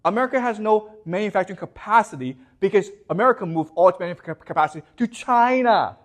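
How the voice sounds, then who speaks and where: Male lecturer, animated delivery, restarts and repeats words, keeps asking the class whether they follow. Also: high-pitched, quick pace. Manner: checks in constantly with the class.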